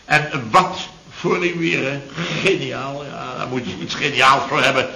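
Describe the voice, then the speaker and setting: A man's voice: mid-range voice, measured pace, bright, forceful tone, reverberant, a little hiss or hum, rough recording. An actor playing a self-satisfied, bossy male chef and restaurant owner who lectures his barman. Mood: boastful. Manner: pompous, scolding, self-satisfied.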